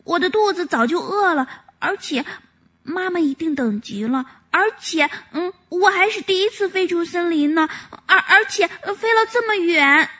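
A woman's voice: extremely high pitch, lively intonation, moderate pace, bright, forceful tone, pitched above the performer's own voice, heavily acted. A woman voicing a timid, chatty little woodpecker chick who stammers and hesitates. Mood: sheepish.

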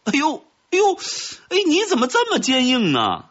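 Man doing a high squawky killer wasp lady, brash, husky. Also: wildly swooping pitch, a little slow, muffled recording, exaggerated voice. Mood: astonished. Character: murderous female wasp, bold and curious.

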